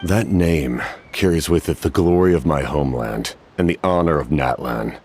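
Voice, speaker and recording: A man voicing a stoic, solemn, centuries-old warrior captain in a game cutscene, speaking formally and gravely in measured phrases. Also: extremely low pitch, a little mellow, a little hiss or hum. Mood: solemn, resolute. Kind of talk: dramatic video game cutscene dialogue.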